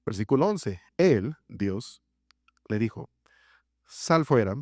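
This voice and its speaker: A man preaching a sermon, acting out the voices of the text with dramatic swings in pitch. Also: sing-song, takes it slowly, darkish tone, no room sound, clean studio sound. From Mexico. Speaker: pastor. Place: church sanctuary.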